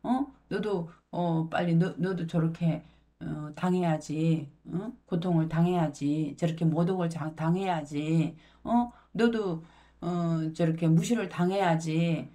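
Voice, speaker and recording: A woman's voice: fairly low pitch, a little slow, warm tone, lightly acted. A woman voicing an accusing female servant who taunts a man, read out in a Bible lesson. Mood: taunting.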